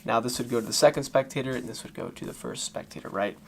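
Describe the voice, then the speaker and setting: A man giving a casual, loosely improvised card-trick tutorial in magician patter, talking informally to viewers with a gravelly voice. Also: mid-range voice, quick pace. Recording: faint background noise.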